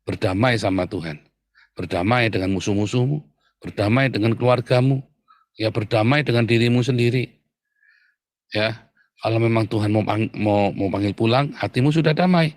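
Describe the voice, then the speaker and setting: A man preaching a sermon in a conversational way, often turning to his listeners directly and growing animated when he tells stories. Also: on the low side, moderate pace, long pauses, no echo, clean studio sound. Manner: conversational, repeatedly addressing listeners as brothers and sisters.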